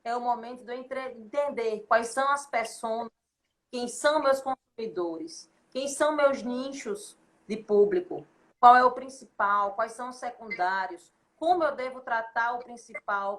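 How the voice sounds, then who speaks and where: High-voiced woman explaining branding. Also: normal speed. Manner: didactic, lists points in repeated phrases. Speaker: branding consultant guest. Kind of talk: explanatory podcast conversation.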